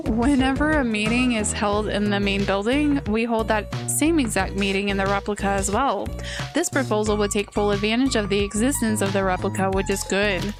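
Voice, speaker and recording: A woman reading out a dull, bored businessman who speaks in a flat, formal way while giving a presentation. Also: mid-range voice, close to an everyday voice. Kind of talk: reading game dialogue aloud. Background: game music.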